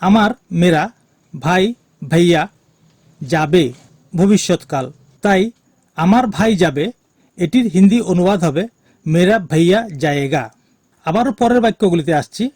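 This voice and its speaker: A man teaching a language lesson, speaking slowly and deliberately and repeating each phrase for learners. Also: high-pitched, darkish tone, dry recording. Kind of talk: slow spoken language lesson.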